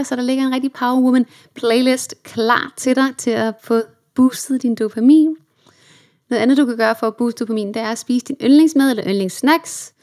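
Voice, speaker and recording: A woman's voice: medium pitch, a little mellow. A young woman hosting her own self-help podcast, chatting in an upbeat way and slipping English words into her talk. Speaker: podcast host.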